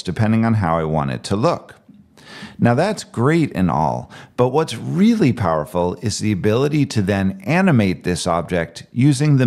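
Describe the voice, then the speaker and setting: A man calmly talking step by step through a screen-recorded software tutorial. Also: fairly low pitch. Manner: calm step-by-step explaining. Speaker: tech tutorial presenter.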